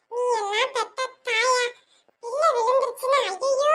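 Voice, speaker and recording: Brief: woman as a tearful, sulking young cartoon daughter, very high voice, whining, Tirunelveli Tamil accent. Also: a bit bright.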